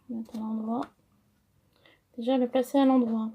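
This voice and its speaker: A woman's voice: on the high side, little pitch movement, normal speed, breathy edge, lo-fi sound. A woman with a French accent explaining a paper-crafting project step by step, hesitant with many fillers. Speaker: crafting tutorial host. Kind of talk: casual craft tutorial.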